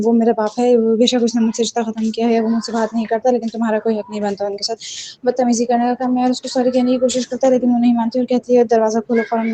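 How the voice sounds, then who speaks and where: A woman with a somewhat high, warm and mellow voice tells the story of a TV drama episode in a loose, conversational way. She reads out the characters' lines in her own voice and keeps a flat, level delivery throughout. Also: slight background noise. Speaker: drama recap reviewer. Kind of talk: casual spoken retelling of a TV drama episode.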